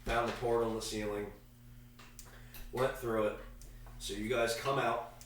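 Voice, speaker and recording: Gravelly stuffy-nosed guy running a dnd game, kinda halting, super echoey and far from the mic. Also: medium pitch, fairly even intonation, fairly bright tone. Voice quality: gravelly, congested from allergies. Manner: casual, halting. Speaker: game master. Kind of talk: narrating a tabletop role-playing game. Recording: echoey room, far from mic, faint noise.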